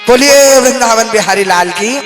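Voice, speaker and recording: A man preaching a devotional sermon to a live audience, shifting from talk into slow, melodic chanting of Sanskrit verses and asking the listeners questions. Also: very high voice, a bit bright, faint music behind. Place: hall with a seated audience.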